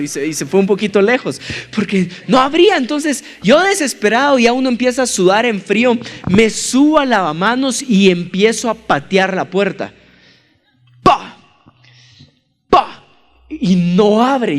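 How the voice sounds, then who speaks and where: Young male preacher, high voice, animated storyteller, church hall echo. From Colombia. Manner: animated storyteller acting out scenes. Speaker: pastor. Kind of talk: sermon with humorous personal story.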